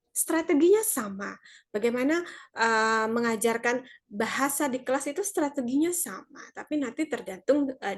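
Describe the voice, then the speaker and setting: A woman lecturer giving an online university lecture, explaining at length with frequent hesitations and fillers. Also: fairly high pitch.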